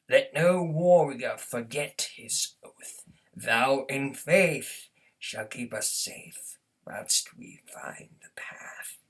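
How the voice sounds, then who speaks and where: Prophet of Truth, husky thunderous wrathful zealot. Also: male voice, mid-range voice, a bit bright, distant mic, full character voice, poor audio. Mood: wrathful, menacing. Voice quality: husky, breathy, gravelly. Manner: solemn, pompous oratory, swelling to thunderous wrath. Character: thunderous wrathful alien prophet, grandiose zealous religious leader. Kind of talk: theatrical game villain impression, grand speeches.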